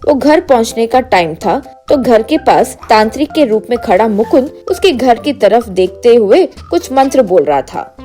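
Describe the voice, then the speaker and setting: Woman, storybook narrator, mellow, faint music behind. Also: a little high, moderate pace. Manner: steady storytelling.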